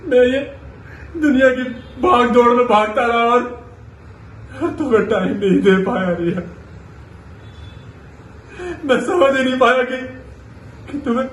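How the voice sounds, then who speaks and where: A man's voice: very high-pitched, slight background noise, pitched above the performer's own voice. A man acting a grief-stricken young husband in an amateur short film, tearful and pleading with a breaking voice. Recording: roomy echo, mic at a distance.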